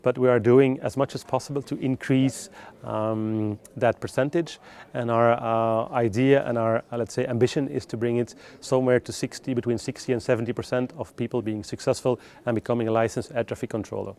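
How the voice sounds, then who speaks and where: A man giving explanatory interview answers as a recruitment specialist, with measured, hesitant phrasing in non-native English. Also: mid-range voice, fairly even intonation, a little mellow.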